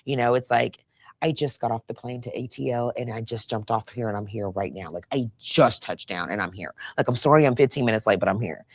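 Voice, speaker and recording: Fast-talking woman with a gravelly edge. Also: a bass voice, no room sound. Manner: rapid, animated storytelling with profanity and filler phrases. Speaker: guest, podcast host. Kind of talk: casual interview chat.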